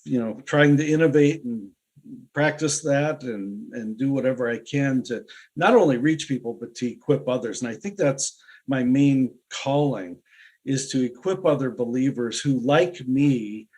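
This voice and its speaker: Man, author guest, interview, earnest storytelling, easy laughs, mid pitch. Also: a little slow, darkish tone. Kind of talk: casual interview talk.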